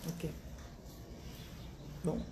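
A woman in her thirties from Cameroon with a Cameroonian French accent, giving a slow, thoughtful spiritual talk to her followers into a phone in a small tiled room. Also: warm tone, slight background noise. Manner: slow and thoughtful, with frequent restarts. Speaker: spiritual coach. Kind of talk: reflective spiritual monologue to followers. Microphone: phone held close at arm's length.

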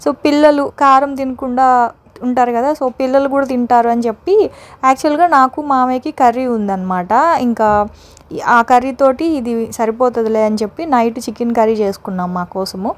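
A woman's voice: a little high, moderate pace. A young woman with a Telugu accent, chatting step by step as she narrates her own cooking vlog. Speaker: vlogger.

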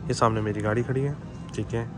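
A man's voice: mid-range voice, steady tone, fast talker. A man casually narrating his vlog to viewers, chatty and mixing in English phrases. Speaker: vlogger. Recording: loud music behind.

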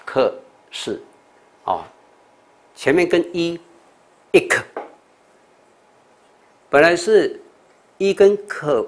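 An older man with a Taiwanese accent, a monk teaching English pronunciation in a TV lecture, repeating sounds and words with many "oh" and "ha" fillers. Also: medium pitch. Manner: slow, repetitive drilling with fillers like "oh" and "ha".

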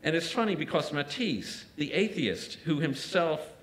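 A man giving a prepared art-history lecture in a museum, measured, with small restarts and asides. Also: a little high, animated, a bit bright, rough recording. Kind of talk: reading a prepared lecture aloud.

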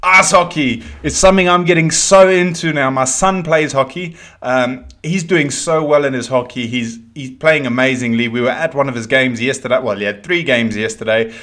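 A man's voice: medium pitch, normal speed, hardly any pauses, a bit bright. A man, chatting casually while reacting to a video in a small room at home, rambling with frequent restarts. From South Africa.

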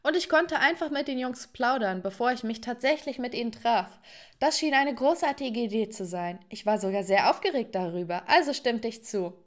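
A woman's voice: a little high, lively intonation, moderate pace. A young woman narrating a scripted first-person story and talking straight to viewers.

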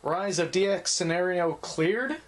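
A man's voice: sits high, lively intonation, measured pace, background noise. A man casually commenting on his own gameplay and reading out match objectives. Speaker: gameplay host. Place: in a room before a TV screen. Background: loud game music.

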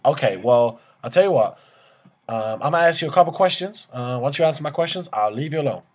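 A man in his twenties, a prank caller and video host, makes a joking phone call from a small room, sounding cheeky, swaggering and slangy. His voice sits on the high side, expressive and fast.

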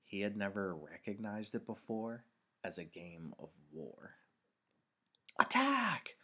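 A man with a very deep, low voice reads a novel aloud to his class. He tells the story in a measured, expressive way, slowing down and pausing for dramatic effect. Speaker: teacher reading a novel aloud. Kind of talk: read-aloud narration.

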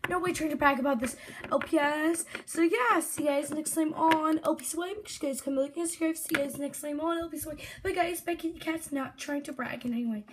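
A young woman hosting a casual toy unboxing, chatting in an excitable, gushing way and often repeating herself. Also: high-pitched, brisk. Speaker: host of a toy unboxing channel. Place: indoors, close over a tabletop toy set. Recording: noisy, clicky home camera recording.

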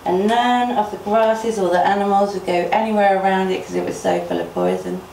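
Gravelly woman telling folk tales. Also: mid-range voice, animated, darkish tone, slight background noise. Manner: unhurried, earnest, chuckling. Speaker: storyteller. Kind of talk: oral folk storytelling. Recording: roomy, voice from a distance.

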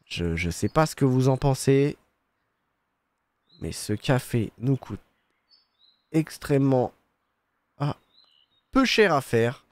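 Joking gamer, dry close mic. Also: male voice, mid-range voice, big pitch swings, slow pace, long pauses, no room sound. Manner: joking, sarcastic, swears freely, hums sound effects. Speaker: gaming streamer. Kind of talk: casual let's-play commentary.

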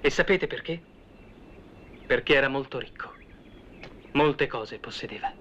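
An eager, bright-voiced disciple. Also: male voice, medium pitch, measured pace. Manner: lively, conversational storytelling with asides. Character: eager male disciple recounting events to listeners. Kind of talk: 1970s film drama. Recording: dull old film soundtrack with faint hiss.

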